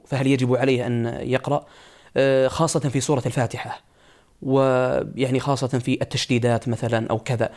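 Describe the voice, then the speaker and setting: Fast-talking male host asking questions. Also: mid-range voice, a little mellow. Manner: rapid, hesitant questioning.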